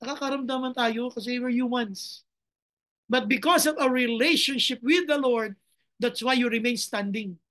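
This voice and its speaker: High-voiced woman preaching with passion. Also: moderate pace, a bit bright. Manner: passionate preaching with dramatic cries to God; code-switching between two languages. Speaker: pastor. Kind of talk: sermon.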